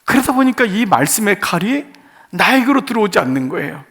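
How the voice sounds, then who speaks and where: Guy pastor giving a sermon, kinda high pitched, gravelly, lots of questions to the church. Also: very animated, a little fast, a bit bright. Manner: earnest, speaks in short phrases with rhetorical questions to the congregation. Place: church sanctuary.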